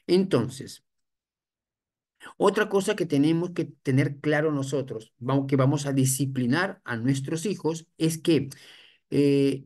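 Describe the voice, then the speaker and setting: Mid-pitched voice, family counselor, educational parenting talk, explanatory, rhetorical questions, frequent restarts. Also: darkish tone. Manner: explanatory, repeats points, often adds "for example". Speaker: family counselor addressed as doctor.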